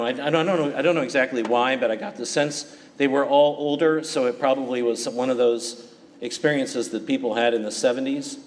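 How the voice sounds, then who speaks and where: A man, a priest, reading the Gospel and preaching at Mass in a calm, steady way, his voice carried by a long cathedral-like church echo. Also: mid-range voice. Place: large church. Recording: reverberant church, faint background noise.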